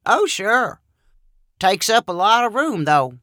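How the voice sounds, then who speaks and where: Whiny farmer guy bragging about fish, reader doing the voice, way up high and jumpy. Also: big pitch swings, takes it slowly, sharp tone, no room sound, clean studio sound, exaggerated voice. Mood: folksy. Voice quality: whiny, fiddle-like. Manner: folksy, insistent tall-tale boasting. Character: whiny rural farmer man, stubborn, boastful. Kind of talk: storybook reading.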